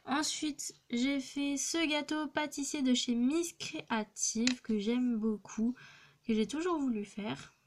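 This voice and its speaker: A woman's voice: sits high, slow pace, background noise. A young teenage girl casually presenting her clay crafts, hesitant with many fillers and restarts, recorded on a phone. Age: young teen. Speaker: craft vlogger. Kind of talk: casual show-and-tell narration.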